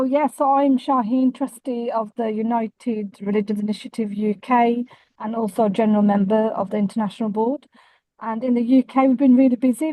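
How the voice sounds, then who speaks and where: A woman speaking on her car speakerphone as she drives, her voice pitched a touch high but dark and mellow in tone. The sound is dry and close in the small cabin. She talks briskly and a little apologetically, raising her voice over the drive. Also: no room sound, low-quality recording. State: talking on the phone while driving. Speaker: trustee of a faith network. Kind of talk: online meeting contribution. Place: inside a car. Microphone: phone speaker in a car.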